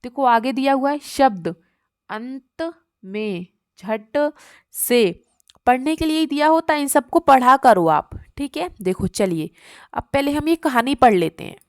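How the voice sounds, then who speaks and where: A woman teaching a children's reading workbook, coaxing young pupils with questions and slowly repeated letters. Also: high voice, lively intonation, no echo, studio quality.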